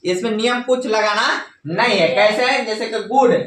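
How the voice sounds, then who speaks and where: A man's voice: high-pitched, fairly bright tone, a little hiss or hum. Man teaching, quizzing a class. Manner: drills students with quick call-and-response questions. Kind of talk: classroom grammar lesson. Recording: echoey classroom from far off.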